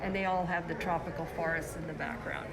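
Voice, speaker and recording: A woman from the Congo, an artist, chats her way through a casual livestream tour of her own show. She talks into a handheld phone as she walks around an indoor gallery, with a clear murmur of opening-night crowd behind her. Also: low-pitched, fairly even intonation, brisk, poor audio. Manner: chatty, showing work while walking around. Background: gallery crowd chatter.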